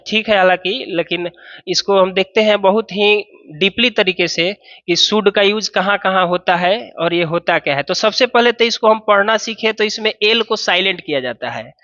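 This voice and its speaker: Bright-voiced male grammar teacher. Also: high-pitched, dry recording, dull audio. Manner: explains step by step, asks and answers own questions. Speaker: English teacher. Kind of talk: classroom grammar lesson.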